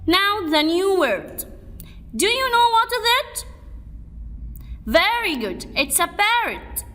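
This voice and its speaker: A woman teaching spelling to young children, saying each word and letter slowly in a sing-song way. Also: very high voice, big pitch swings, pushed and bright, in a large hall. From Egypt. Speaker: kindergarten English teacher. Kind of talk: spelling drill lesson for young kids.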